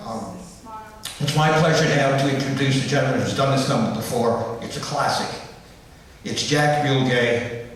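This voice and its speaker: An older man emceeing a variety show and telling jokes on stage in an unhurried, old-school storytelling manner. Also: medium pitch, fairly even intonation. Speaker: emcee and joke teller. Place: theater stage. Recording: echoey hall from far off, faint noise.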